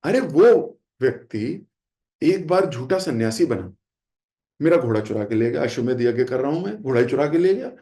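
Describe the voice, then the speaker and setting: Gravelly-voiced man preaching a sermon. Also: mid-range voice, animated, normal speed, warm tone, echoey room. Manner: acts out quoted speech in shifting voices; mixes English phrases into Hindi. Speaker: devotional speaker. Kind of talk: sermon on scripture.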